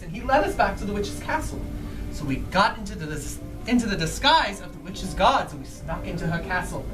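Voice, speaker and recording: A woman playing a friendly, excitable Scarecrow who tells a story live to children and puts questions to the listeners. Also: medium pitch, lightly acted. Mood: dramatic, excited. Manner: animated, asks the listeners questions. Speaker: costumed storyteller. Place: bookstore live event. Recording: distant mic, music behind.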